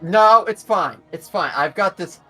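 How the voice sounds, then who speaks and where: A man's voice: high voice, lively intonation, unhurried, sharp tone. A man chatting casually as a player in a tabletop game. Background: faint music.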